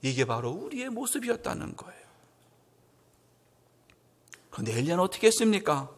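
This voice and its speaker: A man preaching a Sunday sermon as pastor, acting out quotes with swings up to loud, emphatic peaks. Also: high-pitched, big pitch swings, a little fast. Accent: Korean. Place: church sanctuary. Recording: long church hall reverb.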